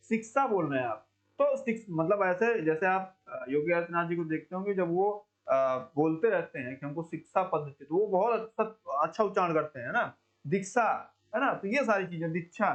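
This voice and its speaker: A man teaching an exam coaching lesson, quizzing students and slowly repeating words to drill pronunciation, chatty and calling listeners brother. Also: high voice, a bit bright, highs cut off. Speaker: Hindi teacher.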